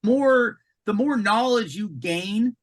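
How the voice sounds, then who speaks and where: A man talking as a guest on a podcast conversation, emphatic and animated, often repeating words as he goes. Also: high voice, takes it slowly. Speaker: commissioning consultant, podcast guest.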